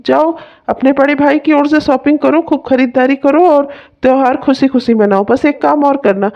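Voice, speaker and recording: A generous elder brother-in-law in a cartoon, played by a woman, coaxing and affectionate as he urges someone to take his gift. The voice is fairly high, and the recording sounds dull and lo-fi. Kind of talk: cartoon voice acting.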